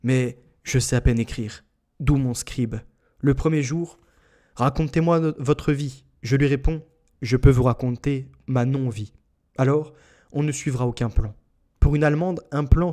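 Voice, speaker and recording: A man reading a first-person literary narration aloud as an audiobook, in a measured, solemn and deliberate way. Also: medium pitch, warm tone. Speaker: audiobook reader.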